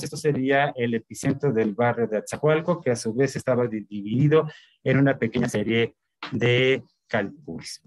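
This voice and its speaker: A man gives an online lecture. He talks at a medium pitch, reading out dates and lists and filling his pauses with many hesitations.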